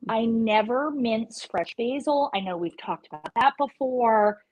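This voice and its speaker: A woman chef talks viewers through a recipe on a video call, her voice a little higher than most. She chats along in a playful, upbeat way, tossing in asides and tips as she goes. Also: expressive, a little slow, a little mellow, highs cut off. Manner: chatty, playful, upbeat instruction. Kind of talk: live virtual cooking class.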